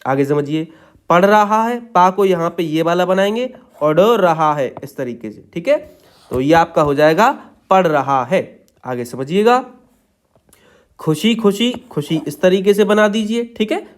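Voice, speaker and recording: Male shorthand tutor, high voice, patient, walks through each word step by step. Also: animated, unhurried. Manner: patient, repeats "ठीक है" after each point. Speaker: shorthand teacher.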